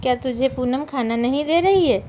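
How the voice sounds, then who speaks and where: An affectionate, reassuring middle-aged father speaking softly to his daughter, read by a woman storyteller. The voice stays fairly high, with faint hiss under it, as in a storybook. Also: normal speed, close to an everyday voice. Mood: fond.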